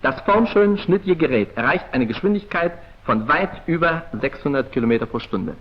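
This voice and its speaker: A male narrator from a 1940s film sounds muffled and dull on the vintage soundtrack. His voice is a little high and animated, moving at a moderate pace, with a formal, precise, clipped declamatory delivery.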